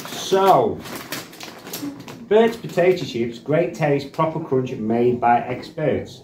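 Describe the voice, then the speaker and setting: Echoey man giving a casual review. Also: fairly high pitch. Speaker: snack reviewer. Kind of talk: casual food review to camera. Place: small bare indoor room. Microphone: camera across a table. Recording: echoey room with clear background noise.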